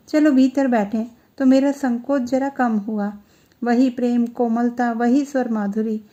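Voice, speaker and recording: A woman narrating a literary short story in a measured, expressive storytelling manner. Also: fairly high pitch.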